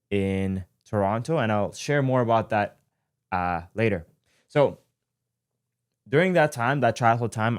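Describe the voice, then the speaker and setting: A man in his twenties from Iran, telling his life story in a relaxed, reflective way as host of his own show, often pausing and correcting himself. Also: on the low side, clean tone, dry recording, clean studio sound. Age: 20s. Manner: reflective, with frequent fillers and self-corrections. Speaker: podcast host. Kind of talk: casual personal storytelling. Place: studio.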